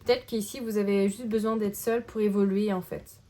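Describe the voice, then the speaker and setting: A woman giving a casual tarot card reading to camera, in a gentle, searching way that keeps checking in with the listener. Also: mid-range voice, little pitch movement, moderate pace, slight background noise.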